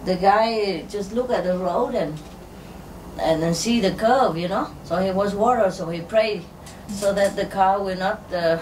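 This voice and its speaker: A woman telling jokes and stories to an audience in a halting, unhurried way, with many fillers. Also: mid-range voice, darkish tone. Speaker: spiritual teacher telling jokes. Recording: distant mic with faint ambient noise.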